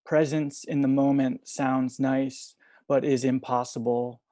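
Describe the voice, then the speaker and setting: A young man reading poetry over a video call from home, soft-spoken and hesitant between poems. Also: mid-range voice, flat delivery, a little slow, no echo. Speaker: poet reading at a livestream.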